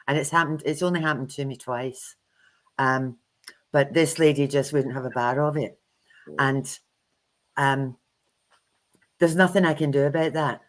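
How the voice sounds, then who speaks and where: A woman's voice: very deep voice, unhurried, long pauses. A woman who reads tarot, telling stories bluntly and chattily on a livestream over a video call. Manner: chatty anecdotal storyteller, blunt. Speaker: tarot reader co-hosting a livestream. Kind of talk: casual livestream chat.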